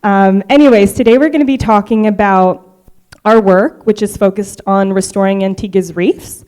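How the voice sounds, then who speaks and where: A woman presenting her marine work at a conference, speaking to the audience in a friendly, chatty way. Her voice is mellow and smooth, with a middle pitch. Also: normal speed. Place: conference hall.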